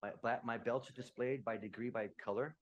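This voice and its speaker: A man giving a personal testimony talk as a guest speaker, telling his story conversationally, dropping low and quiet and then breaking into loud outbursts. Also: fairly even intonation, brisk, highs cut off, slight background noise. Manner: conversational, uses slang like "man".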